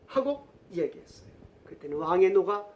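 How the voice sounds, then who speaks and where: A man's voice: high voice, expressive, moderate pace, lo-fi sound, slight background noise. A male pastor giving a sermon, telling stories and asking the congregation questions. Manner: storytelling, asks the congregation questions.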